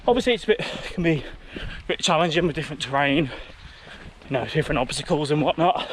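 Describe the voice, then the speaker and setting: A man's voice: a little high, animated, fast talker, fairly bright tone, slight background noise. A man talking casually to camera while out running a trail, audibly out of breath. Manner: chatty, talking mid-run. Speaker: running vlogger. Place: outdoors on a trail.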